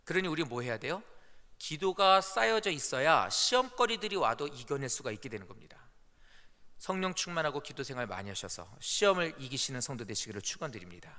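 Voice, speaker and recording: Animated, bright-voiced male pastor preaching. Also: medium pitch, brisk. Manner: animated storytelling with acted-out quotes. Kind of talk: sermon. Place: church sanctuary. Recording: echoey church hall.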